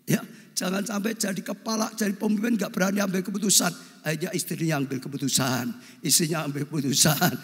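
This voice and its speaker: Older male pastor, high husky voice, lively sermon in a reverberant hall. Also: fast. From Indonesia. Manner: animated, repeatedly addressing the congregation. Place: church.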